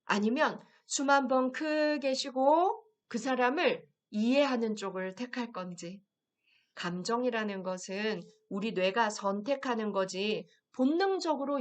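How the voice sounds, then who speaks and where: Gentle woman leading an affirmation lesson. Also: a little high. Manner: gentle, addresses viewers directly, reads phrases slowly. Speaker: health program instructor.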